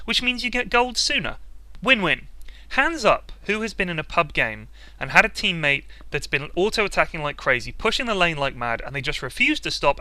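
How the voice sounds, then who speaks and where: A man's voice: high-pitched, pushed and bright, dry recording. A man delivering sarcastic, exaggerated comic commentary about playing an online game, closely miked. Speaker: video commentator.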